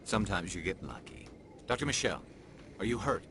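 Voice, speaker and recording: Deep, determined alien cop. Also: male voice, very animated, brisk, a bit bright, a little hiss or hum, full character voice. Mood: brisk, confident. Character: alien male police investigator, determined and confident. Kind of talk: video game voice acting.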